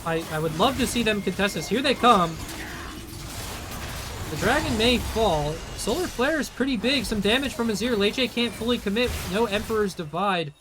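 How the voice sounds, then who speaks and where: Hoarse high-voiced male esports caster. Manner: excitable, calls plays in quick bursts. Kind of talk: live play-by-play commentary.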